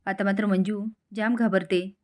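A woman's voice: medium pitch, steady tone, normal speed, a little mellow. A woman retelling a TV serial episode as a storyteller, voicing the characters' lines in between. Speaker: serial recap narrator.

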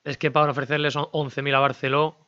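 Male gaming host, chatty self-talk over gameplay, crisp slightly dull mic. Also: fairly high pitch, little pitch movement, fast talker, sharp tone. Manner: chatty, talks to himself and viewers while negotiating. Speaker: gaming YouTuber. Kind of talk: casual game commentary.

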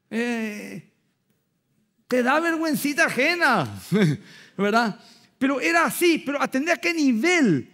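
A man with a Paraguayan Spanish accent preaching a sermon as pastor, animated and acting out little dialogues with rhetorical asides. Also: high-pitched.

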